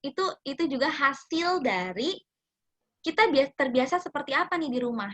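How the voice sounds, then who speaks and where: A woman psychology practitioner talking casually to a youth group, animated and acting out quoted speech. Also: sits high, normal speed. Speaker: guest speaker, psychology practitioner.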